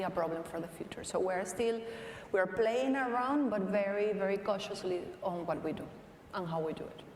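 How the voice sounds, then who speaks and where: An earnest woman with a Venezuelan accent speaks slowly and thoughtfully, often restarting her sentences. She is heard from some distance in a big echoing hall, with a long reverb tail and faint hiss behind her. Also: medium pitch, darkish tone. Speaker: interviewee, company tech leader. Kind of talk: onstage conversation. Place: large hall at a live event. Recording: echoey hall from far off.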